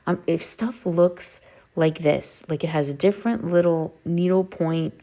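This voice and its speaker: A vintage reseller hosts a casual how-to video, speaking straight to camera in a lowish, unhurried, mellow voice. She comes across as chatty and eager as she addresses her viewers.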